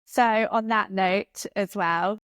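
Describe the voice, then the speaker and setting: A woman's voice: medium pitch, steady tone, slow pace, a bit bright, no echo, studio quality. A woman in her thirties hosting a podcast, speaking casually with many "like" fillers. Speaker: podcast host. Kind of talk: casual chat.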